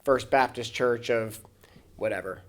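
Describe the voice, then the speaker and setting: A man's voice: mid-range voice, measured pace. A man, an American pastor and podcast host, telling long anecdotes in casual chat, with many restarts and bursts of laughter.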